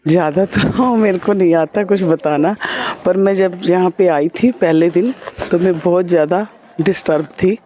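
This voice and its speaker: A woman's voice: on the low side, mellow, slight background noise. A woman at a meditation course, sharing her own experience in a simple, hesitant and modest way.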